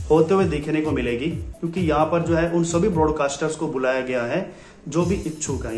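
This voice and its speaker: A man's voice: a little high, echoey room. A young man hosting a news update to camera in a small room, chatty, calling viewers his friends and repeating filler phrases. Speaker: TV news channel host.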